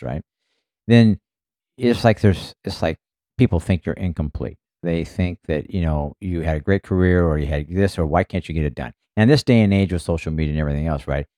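A man's voice: low voice, mellow, no echo, studio quality. A man co-hosting a podcast, chatting casually about motor racing in a rambling way full of fillers. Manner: rambling, filler-heavy, many "you know"s. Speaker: podcast co-host, former racing team member.

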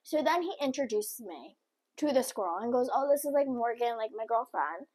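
A young woman with a raspy, gravelly, smoker-like voice, telling a story casually and bluntly as a podcast co-host. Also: fairly high pitch, animated, moderate pace, darkish tone. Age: young adult.

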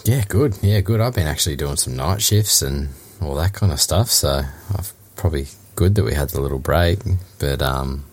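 A man's voice: a bass voice, lively intonation, normal speed, hardly any pauses. An Australian man co-hosting a podcast, talking about his projects in an easygoing, plain-spoken casual chat over a remote call. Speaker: podcast co-host.

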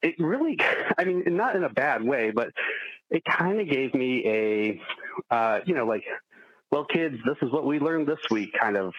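A man's voice: medium pitch, animated, normal speed, breathy edge, no echo. Man in a dull, lo-fi voicemail. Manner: easygoing and chatty, rambles with fillers and small chuckles. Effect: played-back voice message. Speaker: caller, fellow podcaster. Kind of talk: casual recorded voicemail.

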